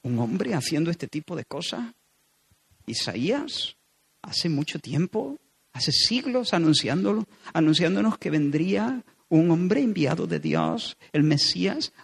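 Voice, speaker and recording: A man from preaching a sermon, building from quiet storytelling to loud, emphatic repetition. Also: on the high side, sing-song, unhurried, creaky, husky.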